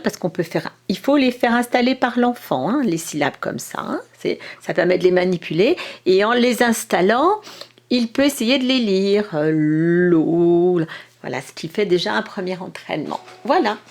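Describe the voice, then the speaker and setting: A woman, a kindergarten teacher explaining an exercise to parents, speaking slowly and stretching out sounds and syllables. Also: lowish voice, lively intonation. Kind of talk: instructional video for parents.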